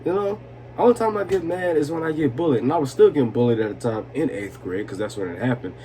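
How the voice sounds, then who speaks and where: A man's voice: medium pitch, animated, fast, mellow. A young man in his twenties, tipsy from drinking, telling a heated, profane story to the camera. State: tipsy from vodka. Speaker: vlogger. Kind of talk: drunk storytime monologue.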